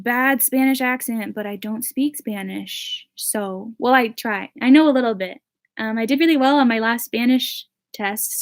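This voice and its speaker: A young woman in her late teens answering viewer questions in a casual chat, with lots of "like" and "um" fillers. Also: fairly high pitch. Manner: chatty, full of "like" and "um" fillers.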